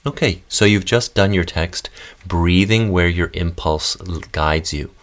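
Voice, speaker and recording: Deep-voiced man coaching voice exercises. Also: unhurried, background noise. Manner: calm, guiding instructions with demonstrations. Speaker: voice and text coach. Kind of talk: podcast voice lesson.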